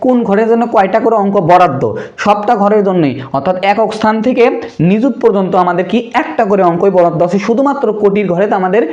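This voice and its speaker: A man's voice: high-pitched, animated, a little mellow, highs cut off. A young man teaching a primary school math lesson, asking the pupils questions and answering them himself in a casual, brotherly way. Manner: slows to spell out numbers.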